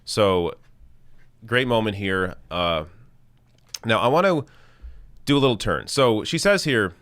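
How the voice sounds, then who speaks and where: The host of a news commentary show, a man with a fairly low, slightly bright voice, talks off the cuff to viewers, earnest, opinionated, and animated, stressing his points at a slow pace. The sound is dry and close with no room sound.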